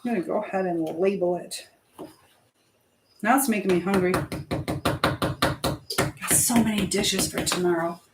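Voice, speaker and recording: A woman with a medium-pitched voice speaks at a measured pace, leaving long pauses. She hosts a casual live stream while cooking, chatting informally with viewers and reading their comments aloud. The recording is clear, with background noise and clicks.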